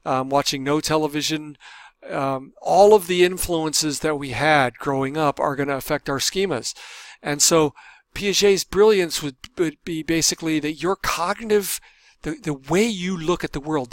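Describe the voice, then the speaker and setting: A man with a somewhat high voice delivers a recorded course lecture, wandering through his points with frequent fillers and self-corrections. The sound is close and dry, with almost no room around it. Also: no room sound. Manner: rambling with frequent fillers and restarts. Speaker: college lecturer.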